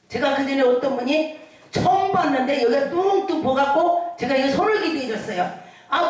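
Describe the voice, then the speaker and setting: A woman pastor preaching a lively sermon, calling out hallelujahs and acting out the people in her stories. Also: sits high. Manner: animated preaching with shouted hallelujahs and acted-out quotes. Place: church hall. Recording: echoey hall from far off.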